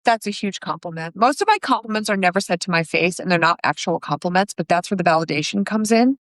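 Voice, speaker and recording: A woman's voice: fairly low pitch, fast, fairly bright tone, dry recording. A woman co-hosting a podcast, chatting casually and emphatically about her work planning corporate events. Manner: emphatic, storytelling with acted quotes. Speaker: podcast co-host. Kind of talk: casual chat.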